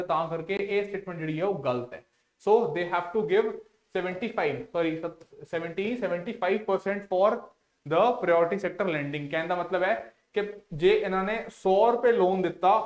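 A man's voice: sits high, echoey room. A man with a Punjabi accent, an exam coaching teacher explaining multiple-choice questions, mixing in English and answering his own questions.

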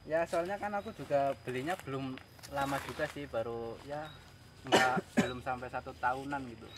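Noisy outdoor camera audio captures a young man a few metres away, casually vlogging about selling his camera gear. He speaks at normal speed in a medium pitch from the grass by a rice field.

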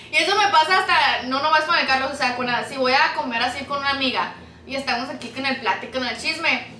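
A young Mexican woman hosting a casual couple's vlog, talking loud, teasing and animated. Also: high voice, fairly quick. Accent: Mexican Spanish. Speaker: vlogger hosting a couple's mukbang. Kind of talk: casual chat. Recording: roomy echo, faint music behind.

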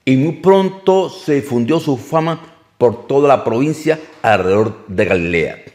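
Slow, animated male preacher. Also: medium pitch. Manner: emphatic, repeats and corrects phrases as he goes. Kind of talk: sermon.

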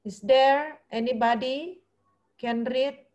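A woman's voice: high-pitched, slow, a little mellow, low-quality recording. A woman teacher with an Indonesian accent leading an online English class over a video call, coaxing her students and switching between English and Indonesian.

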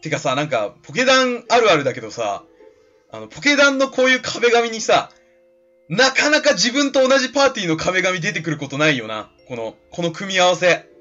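Animated, chatty man commentating a game. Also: high voice, brisk. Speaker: let's play commentator. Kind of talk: casual gameplay commentary. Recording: slightly dull lo-fi recording with faint game music.

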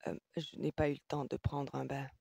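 A woman voicing a feverish young man who speaks softly, with a wry, hushed manner, in an audiobook. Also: deep voice, fairly even intonation, moderate pace, breathy edge, dry recording, studio quality. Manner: soft, hushed, half-whispered. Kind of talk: audiobook character voice.

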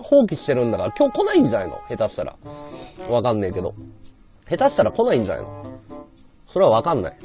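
A man's voice: a little high, warm tone. A man livestreaming in casual chat, talking in blunt slang and answering viewer comments.

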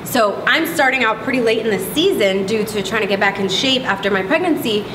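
A woman in her thirties, a bodybuilding competitor, talking excitedly and laughing often in a casual interview in a gym. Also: on the high side, fairly quick, background noise. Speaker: pro bikini competitor, interview guest. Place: large indoor gym, in front of a logo wall. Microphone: far camera mic. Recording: echoey room, picked up from a distance, with clear ambience.

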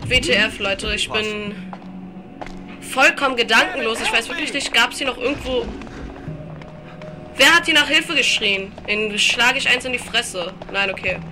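A woman giving casual, chatty gameplay commentary, reading game text aloud, giggling and swearing playfully. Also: fairly high pitch. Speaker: let's play commentator.

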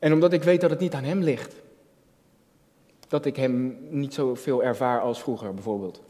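Standing at a lectern on a church stage, this man in his early thirties, a junior pastor, speaks in a warm, mid-range voice at a moderate pace. His sermon is earnest, personal and reflective, full of repeated phrases and rhetorical questions. The camera sits at a distance, and the hall adds a long reverb.

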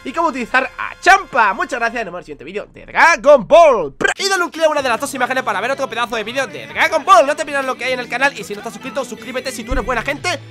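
A young Spanish gaming YouTuber with a very high voice and a Spanish accent commentates his own online match live, in fast, excitable bursts. He swears at his mistakes and counts out combos, while sounding ill with a cough. Faint music plays behind him.

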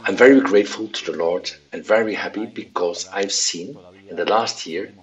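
A man reading a scripted message of thanks in a slow, measured way. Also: deep voice, lo-fi sound.

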